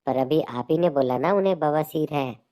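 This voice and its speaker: A man's voice: a little high, normal speed, mellow. A man hosting a comedy joke channel, telling jokes and playing out comic sketches. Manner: jokey storyteller. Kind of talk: comic skit narration and dialogue.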